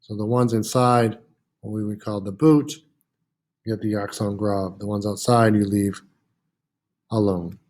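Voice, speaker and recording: Guy teaching french class, slow and patient, says uh a lot, repeats stuff. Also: on the low side, fairly even intonation, darkish tone. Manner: slow, patient, repeats words, many "uh" fillers. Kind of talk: classroom lesson.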